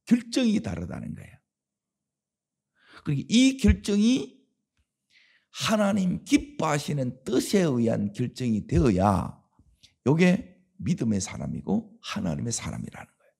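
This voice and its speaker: A man's voice: mid-range voice, huge pitch swings, unhurried, gravelly, long pauses, a little mellow, slightly rough. A man preaching a dawn sermon as pastor, with a Gyeongsang Korean accent, talking conversationally and asking the congregation rhetorical questions.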